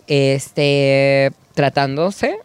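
A woman's voice: a bass voice, drawn-out words, smooth, no room sound. A young woman in her twenties, a podcast guest chatting casually and rambling with restarts. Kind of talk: casual gossip chat.

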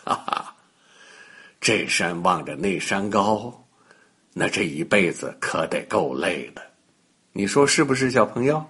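An older man narrating a bedtime story for children in a lively, playful way, talking to the kids directly. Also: low voice, measured pace, pauses often, husky.

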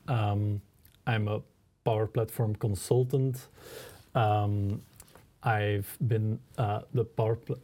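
A man's voice: fairly low pitch, dark tone. A man co-hosting a podcast in English, chatting casually with many ums and uhs. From Belgium. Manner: hesitant, many fillers. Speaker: consultant and podcast co-host.

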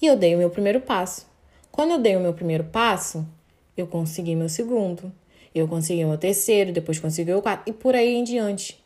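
A woman's voice: lowish voice, brisk, a little mellow. A young woman talking candidly and emotionally on her podcast, at times close to tears. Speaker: podcast host. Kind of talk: personal confessional podcast.

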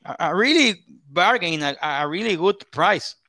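A man from Ecuador, a football pundit in an interview, halting as he searches for English words. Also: sits high, expressive, sharp tone, no room sound.

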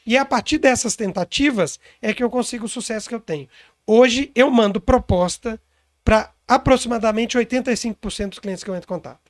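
A man's voice: extremely high pitch, a little fast, dry recording, clean studio sound. A man talking as a sales consultant in a casual interview, emphatic and explaining with examples.

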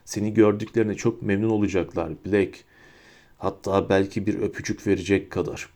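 A man voicing a cold, menacing adult male wizard teacher in an audiobook, speaking low with a silky, hissing menace. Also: fairly even intonation, moderate pace, mellow, natural voice. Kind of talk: audiobook character voice.

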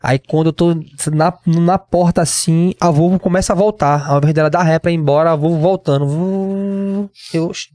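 Young guy w/ northeastern brazilian accent, telling a story all fired up, kinda high voice, dry close sound. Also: fairly even intonation, moderate pace, mellow, no room sound. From Pernambuco, Brazil. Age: 20s. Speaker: guest, MMA fighter. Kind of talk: emotional storytelling in a podcast.

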